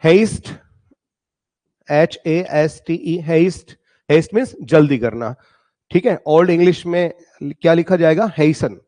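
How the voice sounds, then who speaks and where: A man teaching a lesson, reading poem lines slowly and dramatically, then explaining them and asking the class rhetorical questions. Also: on the high side, darkish tone. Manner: addresses students as "beta", asks rhetorical questions.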